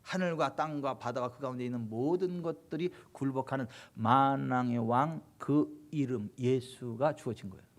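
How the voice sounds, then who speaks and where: A male pastor preaching a sermon, emphatic and full of rhetorical questions, swinging between loud exhortation and hushed low passages. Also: normal speed, hardly any pauses. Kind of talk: Korean sermon at a Friday late-night service.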